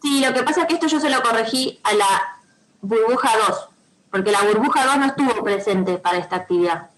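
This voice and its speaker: A woman's voice: a little high, fairly quick, a bit bright, poor audio. A woman teacher with a Rioplatense Spanish accent giving patient step-by-step instructions to pupils on a video call, checking often that they follow. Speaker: primary school teacher. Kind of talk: online class instruction.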